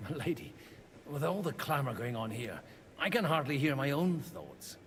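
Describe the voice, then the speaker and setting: A man voicing a polite, quick-witted young hero in a game, courteous and gently wry. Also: mid-range voice, sing-song, lightly acted. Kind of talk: game dialogue acting. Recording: echoey hall, faint background noise.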